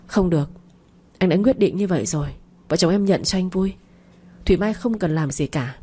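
A woman's voice: lowish voice, normal speed, mellow, slightly rough. A woman voicing a generous elder brother announcing a gift to his sister. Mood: firm. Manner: decisive.

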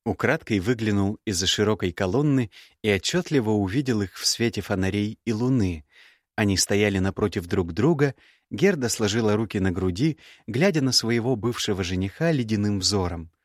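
A man narrating a first-person fantasy audiobook in a measured, expressive way. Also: lowish voice, no echo, studio quality.

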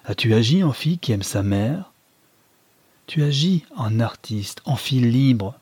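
A man's voice: mid-range voice, lively intonation, unhurried, a little mellow, husky, dry recording. A man voicing a self-pitying aging mother who reproaches her daughter in a plaintive, pleading way, in a novel read aloud. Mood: reproachful.

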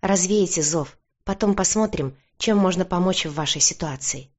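A woman reading a calm, composed man in an audiobook, with a steady, reassuring manner. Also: lowish voice, normal speed, dull audio, lightly acted. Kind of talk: audiobook character voice.

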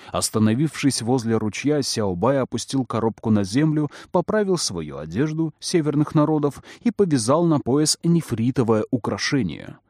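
A man narrating a storybook aloud with expressive, varied intonation. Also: mid-range voice, dry recording, studio quality. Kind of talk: storybook reading.

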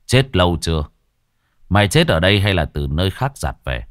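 A man voicing a calm, commanding young exorcist who speaks sternly and without hurry. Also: deep voice, dry recording, studio quality, pitched below the performer's own voice. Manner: stern, threatening, unhurried.

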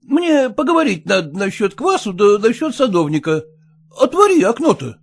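A man voicing a pushy, coarse merchant who drawls low and insists, for an audiobook. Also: very animated, normal speed, gravelly, exaggerated voice. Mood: insistent. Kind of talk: audiobook character voice.

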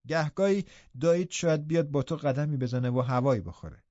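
A man voicing a kindly, patient middle-aged housekeeper woman who speaks gently and reassuringly. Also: on the high side, dry recording, lo-fi sound, close to an everyday voice. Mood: gentle, reassuring.

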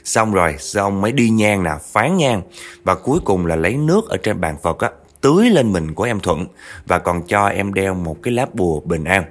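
Low-voiced male storyteller. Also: sing-song, fairly quick. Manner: chatty, addresses listeners directly. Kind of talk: narrating a true spooky family story.

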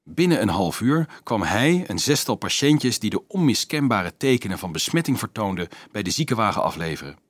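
A man narrating a novel in a steady storytelling manner. His voice sits fairly low. The recording is dry and close. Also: fairly quick, dry recording. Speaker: audiobook narrator. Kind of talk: scripted narration.

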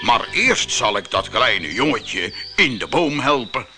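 A man voicing a huge, grumpy old male giant in a storybook reading, with a booming, thundering voice. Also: very animated, slow pace, music in the background. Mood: resolved.

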